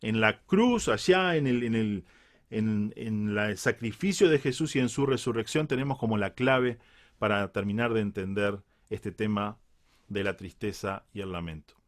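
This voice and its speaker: A man's voice: on the low side, moderate pace. Earnest Uruguayan man preaching. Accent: Uruguayan Spanish. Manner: earnest, reflective, repeats key phrases for emphasis. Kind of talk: biblical reflection sermon.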